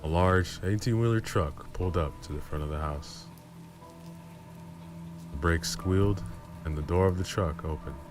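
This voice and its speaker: Deep-voiced male horror story narrator. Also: moderate pace, pauses often, over music.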